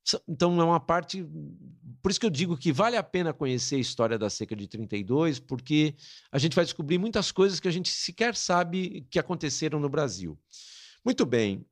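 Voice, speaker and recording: Man telling a family story with a lively, rising and falling voice. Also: fairly high pitch, a little fast. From Brazil. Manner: earnest, emotional, dramatic retelling. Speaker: interview guest. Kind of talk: personal storytelling.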